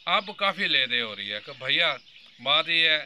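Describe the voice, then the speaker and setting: A man's voice: fairly high pitch, big pitch swings, unhurried, bright, forceful tone, a little hiss or hum. A man in his fifties from Pakistan giving an earnest political commentary monologue, addressing his viewers directly. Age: 50s. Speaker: vlogger.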